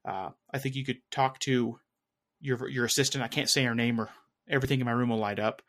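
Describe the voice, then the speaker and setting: Fairly quick and fairly bright, with medium pitch and mostly even intonation, a man talks informally as co-host of a tech podcast. He meanders somewhat and hesitates, frequently correcting himself as he searches for phrasing.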